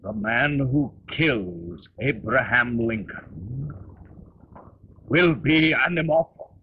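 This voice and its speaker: An actor playing an embittered, theatrical conspirator in an early talkie film, declaiming like an orator with dramatic pauses. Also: male voice, medium pitch, animated. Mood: grim, conspiratorial. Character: embittered, theatrical conspirator railing against a tyrant. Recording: tinny, noisy early sound film track.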